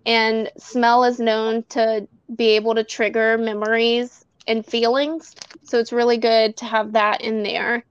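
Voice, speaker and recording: A woman with a smooth, resonant voice that sits a little high, chatting casually as an interview guest. She rambles as she explains, leaning on fillers, and sounds close and dry. The recording is dull and lo-fi. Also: level tone, measured pace, few pauses, no room sound. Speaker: guest, bath box maker.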